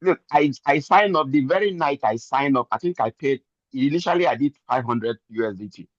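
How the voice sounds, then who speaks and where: A man's voice: medium pitch, animated, a little fast, no room sound. Older man, preachy motivational testimony, dry close sound, slightly dull audio. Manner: earnest, preachy, repeats phrases for emphasis. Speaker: member giving a testimony.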